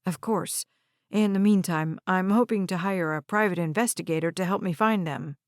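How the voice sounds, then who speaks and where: A woman's voice: lowish voice, moderate pace, dry recording, studio quality, close to an everyday voice. A woman voicing a scheming, greedy young man. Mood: insistent.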